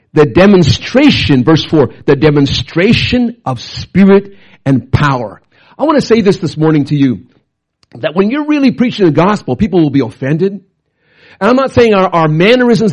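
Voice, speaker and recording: A middle-aged man, a pastor telling stories in an excitable, animated sermon. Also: moderate pace, slightly rough. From Canada. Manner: animated, excitable, jumps up and down in pitch. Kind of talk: storytelling sermon.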